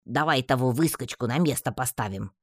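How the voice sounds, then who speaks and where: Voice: mid-range voice, fairly quick, no echo, studio quality, lightly acted. A reader voicing a gloomy, grumbling male talking sword in an audiobook.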